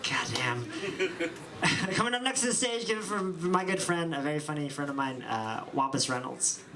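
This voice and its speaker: A male emcee announces the next act in a comedy club, loud and hyping the crowd. His voice is high for a man and comes from well off the mic. Heavy room noise nearly buries it. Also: lively intonation, normal speed, recorded from a distance. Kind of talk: announcing acts.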